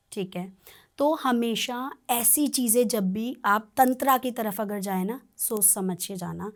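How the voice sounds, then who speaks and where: On a podcast, a woman whose voice sits on the high side recounts a client's story with earnest animation. She works as a tarot reader and spiritual practitioner and keeps making sure the listener is keeping up.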